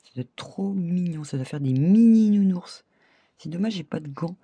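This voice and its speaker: Middle-aged woman, chatty craft-tutorial host, husky dark voice, talks straight to viewers. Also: fairly low pitch, animated, normal speed, dry recording. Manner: chatty, laughs often, addresses viewers directly. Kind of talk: casual craft tutorial talk.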